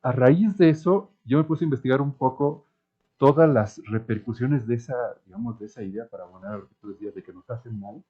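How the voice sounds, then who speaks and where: A man's voice: medium pitch, fairly quick, slightly rough. A man on an academic panel, talking wryly and with sarcasm as a self-described cynic. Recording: thin phone-like sound.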